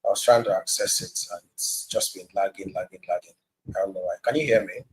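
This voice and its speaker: Host on a video call: man with a low, husky voice, walking through a chart in a casual market breakdown. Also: brisk, low-quality recording. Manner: walks through a price chart step by step. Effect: voice heard over a video call. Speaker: crypto trading host sharing his screen.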